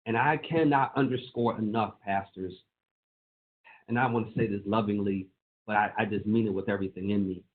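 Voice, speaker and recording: Earnest pastor man on a tinny call. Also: on the low side. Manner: earnest, repeats phrases for emphasis. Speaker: pastor and state legislator. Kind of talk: presentation to pastors on a conference call. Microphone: phone or call line. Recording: tinny phone-line call audio.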